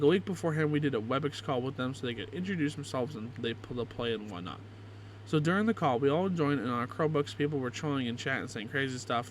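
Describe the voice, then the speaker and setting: Young adult man, gleeful reading aloud, casual joking commentary, crude, mid-pitched voice, clear background noise. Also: rough recording. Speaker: YouTube creator reading confessions.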